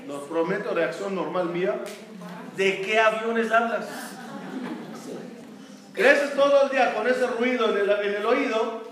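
A man's voice: sits high, normal speed, fairly bright tone. A man from Israel, a rabbi giving a talk, who asks his listeners questions and answers them himself. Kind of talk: Torah talk to an audience. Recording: echoey room, distant mic, faint noise.

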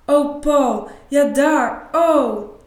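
A woman voicing a young escort, breathy and pleading, in a rising voice. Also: sits high, very slow, roomy sound, pitched above the performer's own voice. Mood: breathless.

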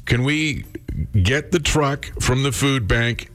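A Canadian man hosting morning radio, chatting casually and appealing to listeners in a halting, think-aloud way. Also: medium pitch, a bit bright. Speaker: radio host.

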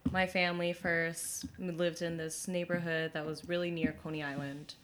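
A woman's voice: on the low side, level tone, normal speed, fairly bright tone, a little hiss or hum. A young woman from Brooklyn, a guest in an interview, telling her story in a chatty way with many fillers and restarts. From Brooklyn, New York.

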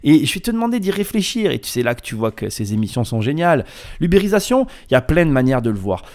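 Fast and sing-song, the voice of this podcast host sits a little high and sounds slightly mellow. Alone at the mic, he keeps things informal, playful and emphatic, often straying into tangents.

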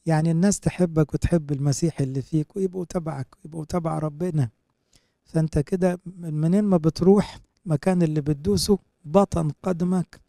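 A man's voice: on the high side, steady tone, fast, gravelly, warm tone, no room sound, clean studio sound. A man with an Egyptian Arabic accent, a priest giving a Bible commentary sermon, reading verses and explaining them in everyday speech. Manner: explains scripture in colloquial asides, quoting verses.

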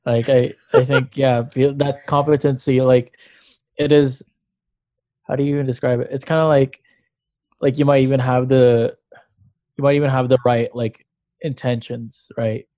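A man's voice: mid-range voice, level tone, normal speed, pauses often, mellow, no room sound. A man from Canada co-hosting a casual chat, reflective and hesitant with many fillers. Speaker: podcast co-host.

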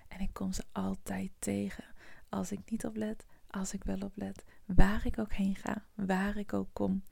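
Slow whispery woman guiding meditation. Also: medium pitch, vocal fry, dry recording. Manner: soft whispery, slow, soothing. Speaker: podcast host guiding a morning meditation. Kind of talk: guided morning meditation.

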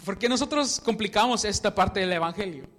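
A man with a high voice delivers a sermon in a loose, conversational storytelling style, now and then pausing to hunt for the right word. His voice carries a long reverb tail, as if from a large hall. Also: fairly bright tone. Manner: conversational storytelling preaching, searching aloud for words. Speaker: preacher.

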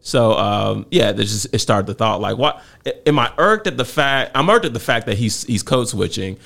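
Male podcast host, creaky voice with lively intonation, probing casual talk, faint music. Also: mid-range voice, moderate pace. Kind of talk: casual chat.

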